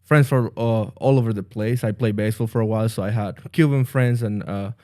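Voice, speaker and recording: A man from the Dominican Republic, a pastor and guest, talking earnestly in a halting way with many restarts. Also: on the low side, a little mellow, no echo, studio quality. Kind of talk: casual interview.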